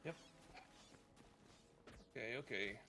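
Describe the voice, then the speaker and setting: A man's voice: mid-range voice, slow pace, bright, forceful tone, slight background noise. A man chatting casually while playing a game with friends, tossing out playful, theatrical one-liners. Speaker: co-op game player. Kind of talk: casual gaming chat.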